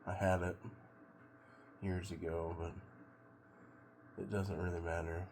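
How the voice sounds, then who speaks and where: Slow, low-voiced American man. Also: flat delivery, a little mellow. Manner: laid-back, musing, halting. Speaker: vlogger doing a cold plunge challenge. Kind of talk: casual rambling vlog monologue. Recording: clear background noise of water.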